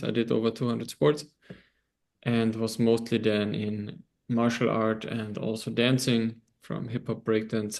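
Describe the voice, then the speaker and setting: A man from Austria with a German accent, a guest on an online interview, talking loosely with pauses and frequent laughs. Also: mid-range voice, gravelly, darkish tone. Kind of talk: casual interview over video call. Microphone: video call.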